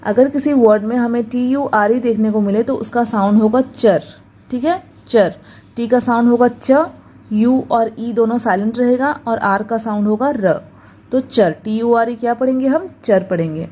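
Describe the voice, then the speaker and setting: Woman teacher with a Hindi accent, soft mellow tone, slightly high pitch, slow drilled delivery, faint background hiss. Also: low-quality recording. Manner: slow, careful, repeats words for drilling. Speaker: English pronunciation teacher. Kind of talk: YouTube pronunciation lesson.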